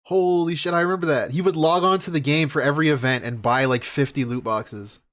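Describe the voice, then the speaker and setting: A man with a slightly raised voice reacts to a video on stream, pausing it to make fun of the creator. He talks bluntly and swears freely, in loose, offhand chat with his viewers. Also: on the high side, a bit bright. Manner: blunt and mocking, heavy swearing. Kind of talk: casual reaction commentary.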